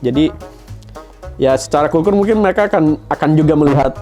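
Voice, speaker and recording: A man's voice: fairly high pitch, fast talker, mellow. Guy chatting on a podcast, laughy and slangy, bit of music under it. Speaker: podcast co-host. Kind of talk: casual chat.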